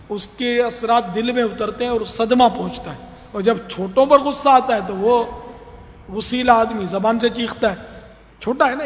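Male preacher, high voice, long reverb, faint hum, animated storyteller delivering a sermon. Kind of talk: religious sermon.

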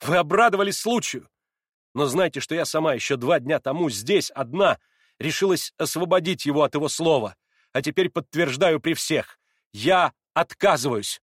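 Brief: man reading as a proud young woman, bitter and reproachful, fairly high voice, dry close sound. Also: lively intonation, moderate pace, a bit bright, no room sound. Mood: indignant. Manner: impassioned, reproachful. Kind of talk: audiobook reading.

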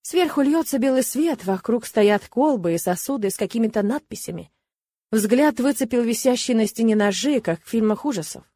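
A woman narrating a first-person fantasy audiobook with expressive, lively storytelling. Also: on the high side, normal speed, no echo, studio quality.

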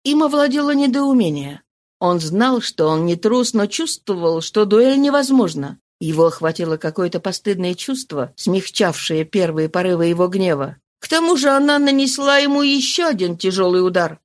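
A woman narrating an audiobook in a measured, even reading. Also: on the low side.

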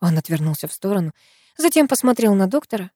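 A woman's voice: medium pitch, big pitch swings, fast talker, dark tone, no echo. Woman narrating an audiobook, dry sound. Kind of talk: first-person audiobook narration.

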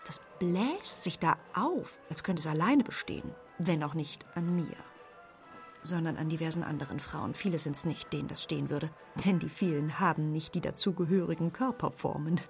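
A woman at odds with her own body, speaking in a fairly low voice. She talks in wry, rambling asides and keeps correcting herself. It is a literary radio play monologue. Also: normal speed, gravelly, soft background music.

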